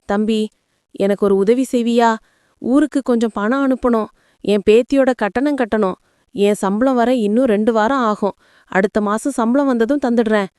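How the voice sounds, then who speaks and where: Woman voicing a soft, stern old housemaid. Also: on the high side, dry recording, studio quality, natural voice. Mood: pleading. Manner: soft but clear, slow and pleading. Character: older woman housemaid, stern yet tender.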